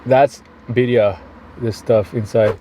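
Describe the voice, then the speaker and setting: A man's voice: mid-range voice, steady tone, takes it slowly, highs cut off, slight background noise. A young man from Canada chatting enthusiastically to his viewers in a casual mukbang vlog, recorded on a phone in a car. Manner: chatty, enthusiastic, addresses viewers as you guys. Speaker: food vlogger. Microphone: phone camera.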